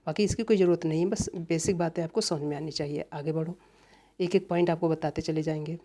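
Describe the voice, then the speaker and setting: Mellow-voiced male teacher, softly trailing off. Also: fairly high pitch, steady tone, quick pace. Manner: repeats reminders, voice drops softly at phrase ends. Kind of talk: online grammar class lecture.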